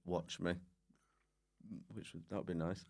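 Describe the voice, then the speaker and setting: This guest comedian's voice is deep, gravelly and level in tone, a little slow. On the podcast he chats casually, giggling as he spins rambling anecdotes at his own expense.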